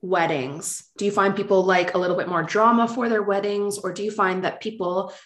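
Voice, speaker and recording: A woman's voice: mid-range voice, fairly even intonation, a little fast, fairly bright tone. A woman with a Canadian accent hosting a podcast, asking long, enthusiastic, rambling questions. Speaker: podcast host. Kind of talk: casual interview chat. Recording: roomy echo.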